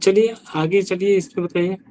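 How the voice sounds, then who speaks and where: A man's voice: high voice, steady tone, normal speed, mellow, a little hiss or hum, low-quality recording. A man teaching an online class, questioning and correcting students with dry teasing. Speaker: Sanskrit teacher.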